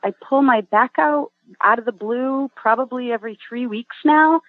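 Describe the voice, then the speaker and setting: A woman's voice: a little high, normal speed, dry recording. A woman in her forties from Massachusetts, calling in by phone to a call-in show, chatty and youthful-sounding. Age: 40s. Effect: phone-line caller on a radio-style call-in show. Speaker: caller. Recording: tinny phone line, dry.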